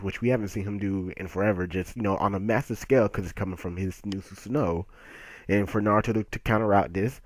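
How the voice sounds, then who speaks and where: Male reviewer with a lowish voice and dry sound: excitable, casual, swears freely, trips over and corrects himself. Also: dry recording. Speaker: manga chapter reviewer. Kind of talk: casual unscripted review commentary.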